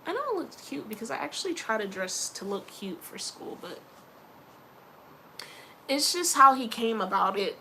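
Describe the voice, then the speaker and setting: A young woman vlogger casually telling stories to camera, animated and acting out the people she quotes. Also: fairly high pitch, normal speed, creaky, long pauses, slight background noise, low-quality recording. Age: young adult. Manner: animated, quoting others in lively voices. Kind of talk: casual storytelling vlog.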